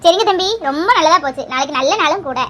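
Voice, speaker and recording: A calm old temple priest reassures a visitor, voiced by a woman for a cartoon. The voice stays very high and bright despite the age of the role. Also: fast, a little hiss or hum. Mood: reassuring. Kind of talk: cartoon voice acting.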